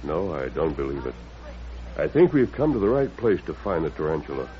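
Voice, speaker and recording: An actor playing a calm, resolute western hero in a vintage radio drama, speaking in a measured, deliberate way. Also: male voice, very deep voice. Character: calm, steady masked western hero in disguise. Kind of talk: 1940s radio western acting. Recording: dull vintage radio recording.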